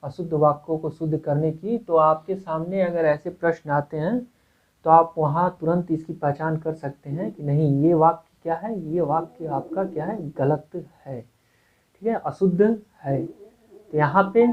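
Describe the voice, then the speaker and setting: A man teaches grammar at an unhurried, deliberate pace. He circles back over each point with rhetorical questions and a steady stream of "okay?" check-ins. The sound is thin and boxy, like a phone-quality recording. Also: a little high. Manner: repeats words, asks rhetorical questions, frequent "okay". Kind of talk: exam-prep grammar lecture. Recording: tinny phone-like lo-fi audio.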